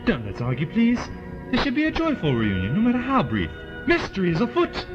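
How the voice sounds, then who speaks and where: A man's voice: high-pitched, wildly swooping pitch, brisk. A man playing an eccentric, genial alien scientist in an audio drama, with theatrical, wordy politeness. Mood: fussy, genial, then delighted. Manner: theatrical, whimsical, old-fashioned wordy politeness. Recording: dull lo-fi with loud music behind.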